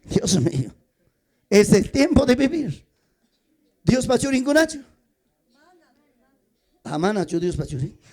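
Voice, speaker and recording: A man's voice: high voice, sing-song, slow, pauses often, mellow. A man with an Andean Peruvian Spanish accent preaching a sermon at a church gathering, moving between Quechua and Spanish and acting out little family scenes. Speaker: pastor.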